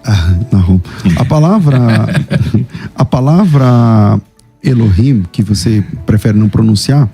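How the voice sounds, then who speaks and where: Um homem num debate teológico, insistente e questionador, que cita as escrituras. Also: male voice, fairly low pitch, lively intonation, slow pace, dark tone, slightly rough, faint music behind. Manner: insistent, questioning, quotes scripture. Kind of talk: theological debate.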